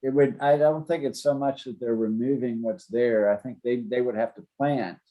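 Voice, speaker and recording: A man's voice: medium pitch, fairly even intonation, moderate pace, dull audio. A man giving an informal, explanatory presentation as city zoning staff, plain-spoken and a little hesitant.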